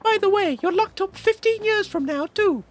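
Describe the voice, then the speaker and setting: A woman's voice: lively intonation, normal speed. A woman voicing a teasing, cryptic old fortune teller lady in a mocking granny voice for a game. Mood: knowing. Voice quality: high-pitched old lady voice. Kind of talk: playful improvised game voice-over in character. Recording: music behind the voice.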